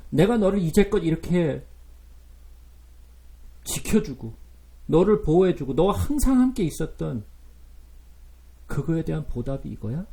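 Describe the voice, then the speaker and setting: A man voicing God as a grieved father who pleads with and reproaches his children, louder and a little higher than his own preaching voice. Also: creaky. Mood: reproachful.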